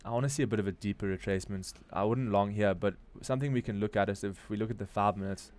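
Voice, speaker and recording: A Durban man hosting a crypto trading livestream has a lowish, darkish voice and a fast delivery. He thinks aloud through casual live market commentary, informal and slangy, in a South African accent.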